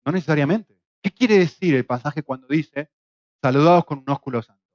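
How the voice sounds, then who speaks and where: A middle-aged man from Argentina with an Argentine Spanish accent, teaching a Bible class in a lively way, with rhetorical questions and jokes. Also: a little high, brisk, no room sound. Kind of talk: church class lecture. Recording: dull, lo-fi, dry sound.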